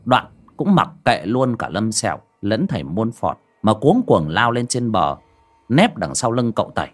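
A man narrating an audio ghost story in a dramatic, lively storytelling manner. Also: lowish voice, moderate pace.

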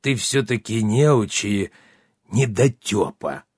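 A man's voice: mid-range voice, lively intonation, normal speed, dry recording, studio quality. A man voicing a touchy, grumpy old wizard who scolds his apprentice in theatrical outbursts. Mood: indignant.

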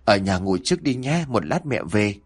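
A man's voice: fairly low pitch, very animated, a little fast, breathy edge. A man doing a frightened, stern mother. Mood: hurried. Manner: scolding, alarmed.

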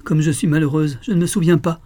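A dazed young baroness who keeps grasping for lost memories, as a male audiobook reader puts her on. Her voice sits higher than the reader's own, with a husky, mellow grain. Her sentences drift and then break into helpless cries. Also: fairly quick. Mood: anguished. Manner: bewildered, breaking into anguished cries. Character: young noblewoman, confused and fragile. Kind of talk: audiobook character voice.

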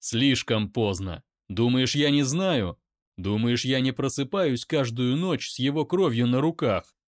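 A man playing an angry young man who shouts back in his own defense. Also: mid-range voice, unhurried, dry recording, studio quality, natural voice.

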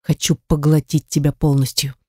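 A woman voicing a commanding, teasing man in an adult audiobook, slow and self-assured. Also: low voice, little pitch movement, mellow, dry recording, studio quality.

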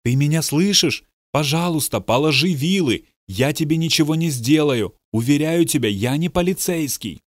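An anxious young woman journalist, voiced by a male narrator, pleading and urgent, her pitch lifted high. Read dry and close for an audiobook. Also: expressive, normal speed, hardly any pauses, no echo. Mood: coaxing. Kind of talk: audiobook dialogue reading.

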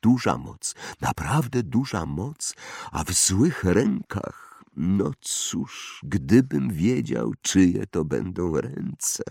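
A man reading aloud voices an old male wandmaker who talks in a slow, hushed, drawn-out way and stares through people. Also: low voice, sing-song, gravelly, breathy edge, no room sound, clean studio sound, exaggerated voice. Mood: musing hushed. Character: old male wandmaker, eerie, soft-spoken, piercing.

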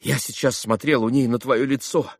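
A man reading an audiobook, voicing a gentle, earnest young man who speaks quietly and sincerely. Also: mid-range voice, steady tone, moderate pace, no echo, studio quality, pitched above the performer's own voice, natural voice. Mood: concerned. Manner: quiet, soft-spoken.

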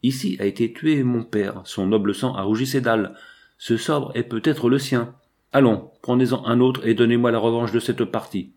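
A man voicing a bitter, defiant young Prussian in an audiobook, forceful and accusing. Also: mid-range voice, moderate pace, close to an everyday voice.

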